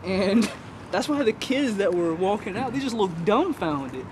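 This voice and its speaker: A young college student chats while walking outdoors at night, rambling and laughing between his thoughts. His voice sits high. Passing traffic fills the street behind him on a handheld camera. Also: very animated, unhurried. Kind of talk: casual chat while walking.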